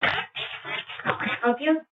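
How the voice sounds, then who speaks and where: A woman answers as a sales agent, polite and businesslike. Her voice comes through a tinny phone line with a faint hiss. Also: moderate pace.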